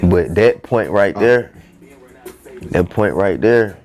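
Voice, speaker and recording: Soft music plays behind a young male rapper whose low-ish, darkish voice moves slowly yet sounds animated. He's a podcast guest sharing his story in a casual storytelling interview, talking loose and slangy with plenty of "you know what I'm saying."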